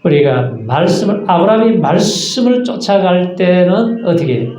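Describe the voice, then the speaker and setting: A man's voice: high voice, sing-song, moderate pace, a little mellow. A man preaching a sermon as pastor, earnest, asking rhetorical questions and acting out short asides. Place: church sanctuary. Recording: echoey church sanctuary.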